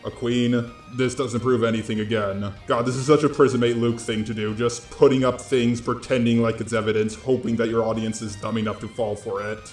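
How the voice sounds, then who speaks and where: This drama commentary host reads his scripted online material in a blunt, informal manner, addressing viewers directly. His voice is medium-pitched and level, somewhat dark in tone and a little fast, set against roomy echo and background music.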